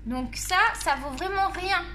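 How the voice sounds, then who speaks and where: An art vlogger with a Marseille accent reviews colored pencils at her desk at home, her face kept off camera, joking casually with her viewers. She speaks in a very high, slightly bright voice at an unhurried pace, with a little hiss or hum in the recording.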